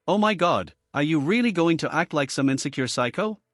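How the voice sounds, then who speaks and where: A man's voice: a little high, lively intonation, a little fast, no echo, studio quality, faint music behind, natural voice. A man voicing a defiant young wife who brushes off blame with scorn. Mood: scornful. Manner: scornful, eye-rolling, deflecting.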